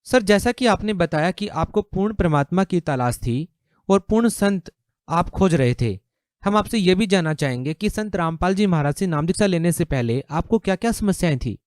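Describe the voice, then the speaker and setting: Male interviewer, high voice, formal polite questions, dry sound. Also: expressive, moderate pace, darkish tone, no room sound.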